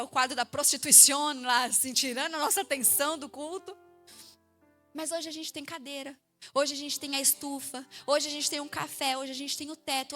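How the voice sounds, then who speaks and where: A Brazilian Portuguese-accented woman in her thirties, high-voiced, preaches a sermon in church as a pastor. She tells stories with lively energy, acting out the quoted voices.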